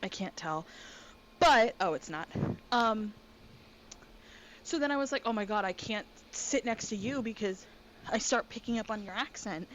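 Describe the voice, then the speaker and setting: A woman co-hosting a casual podcast chat from her bedroom, talking quickly and excitably. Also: medium pitch. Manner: fast, excitable talker. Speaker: podcast co-host. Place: bedroom at home. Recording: dull lo-fi with faint noise.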